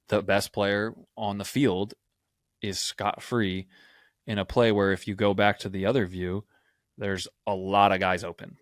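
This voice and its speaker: Guy breaking down football tape on a podcast, kinda low voice, dry close sound. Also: no room sound. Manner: explanatory, leans on "right?". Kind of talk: film breakdown.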